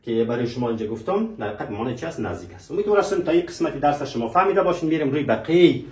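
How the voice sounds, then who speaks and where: A man teaching a French lesson. He asks rhetorical questions, answers them himself, and says example phrases slowly. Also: a little high, expressive. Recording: echoey room, mic at a distance.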